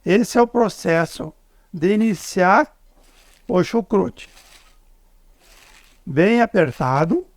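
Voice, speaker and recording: Southern Brazilian man cooking on camera, fairly high voice, dry close sound, explains each step. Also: expressive, no room sound. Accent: southern Brazilian Portuguese. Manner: explains step by step, halting restarts. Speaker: cook. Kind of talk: cooking demonstration.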